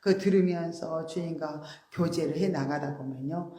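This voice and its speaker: A woman pastor preaching a sermon in an animated, emphatic way, often acting out quoted voices. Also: low-pitched, moderate pace, roomy sound. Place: church.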